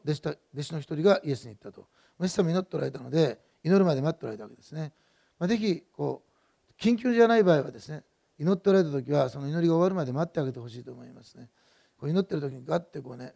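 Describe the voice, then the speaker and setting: A man's voice: a little high, gravelly, dark tone. A middle-aged male pastor preaching a sermon in a conversational, digressive way, with many fillers and personal stories.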